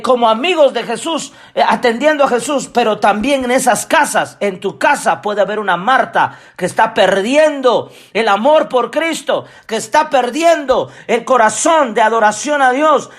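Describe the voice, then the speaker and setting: A man preaching a sermon as an apostle, impassioned, with rising shouts and drawn-out phrases. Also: very high voice.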